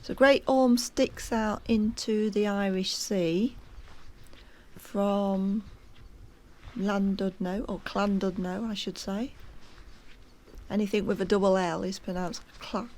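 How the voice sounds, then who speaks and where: Outdoors on a hillside, a woman leads a casual walking tour in a steady, darkish mid-range voice, taking it slowly with long pauses amid slight background noise. The vlogger is chatty and hesitant, using many ums, and sometimes runs short of breath while climbing.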